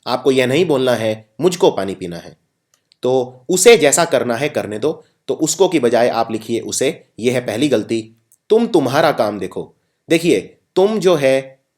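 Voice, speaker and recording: Hindi grammar teacher, patient explainer. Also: male voice, medium pitch, a little mellow. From northwest India. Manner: explains patiently, reads example sentences slowly. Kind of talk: grammar lesson.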